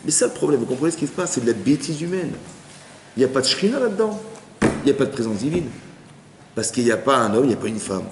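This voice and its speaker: Male rabbi, quick conversational teaching style, recorded in a reverberant hall. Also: mid-range voice, background noise. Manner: lively, conversational, often asks the audience if they follow. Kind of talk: informal Torah class. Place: study hall with audience. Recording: roomy hall with long reverb.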